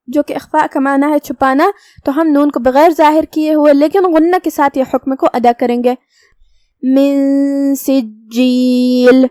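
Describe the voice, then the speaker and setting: A woman with a high voice gives a patient recitation lesson, going through each letter rule one step at a time. The sound is dry and close, with no room around it. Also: darkish tone, dry recording. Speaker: Quran recitation teacher. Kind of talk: tajweed lesson with slow recitation.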